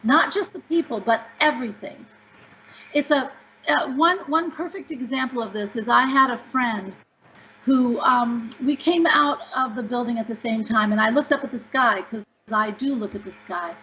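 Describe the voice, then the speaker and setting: A woman's voice: fairly high pitch, normal speed, sharp tone, a little hiss or hum. A woman author answering interview questions, upbeat and emphatic as she tells stories. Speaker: author guest. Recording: dull lo-fi audio.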